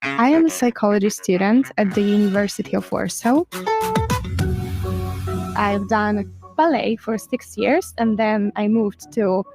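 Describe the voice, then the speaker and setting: A woman's voice: mid-range voice, measured pace, over music. A 22-year-old woman from Poland, a psychology student, introducing herself carefully as a pageant contestant. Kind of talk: recorded self-introduction.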